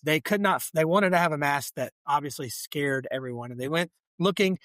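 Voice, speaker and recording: A man in a relaxed podcast conversation, sounding like he is running the show. His voice sits a little high, and the sound is close and dry. He keeps things organized with quick recaps and drawn-out anecdotes. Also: dry recording. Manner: runs the draft, recaps picks and tells anecdotes. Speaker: podcast host. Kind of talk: casual podcast chat.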